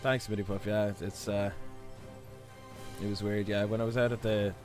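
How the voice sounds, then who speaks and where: Irish male streamer, hoarse and low-pitched, rambling casual chat with faint music underneath. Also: level tone, moderate pace, darkish tone. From Ireland. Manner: rambling, many fillers and restarts, chuckles often. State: hoarse, voice stuck in a low register. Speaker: game streamer. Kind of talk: casual live-stream commentary.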